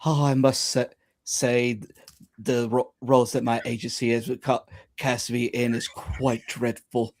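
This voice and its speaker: A man's voice: medium pitch, little pitch movement, measured pace, a little mellow, voice pushed down, close to an everyday voice. A man voicing a pompous, posh male actor with an affected drawl. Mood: snooty.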